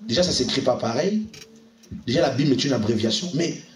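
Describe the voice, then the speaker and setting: A man preaching a sermon in an animated, exhorting way, often acting out little dialogues. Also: medium pitch, brisk, roomy sound, recorded from a distance, soft background music.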